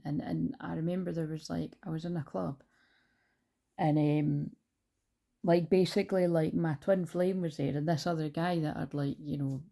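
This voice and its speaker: With her dog beside her at home, a spiritual-channel host holds up her phone and chats casually to camera. The voice is low-pitched, creaky, mellow and husky, and her rambling speech is packed with fillers and restarts.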